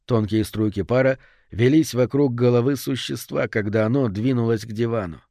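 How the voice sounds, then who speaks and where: A man narrating a horror story in a steady, measured audiobook read. His voice sits at an ordinary middle pitch. The sound is close and dry, with no room around it. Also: no echo.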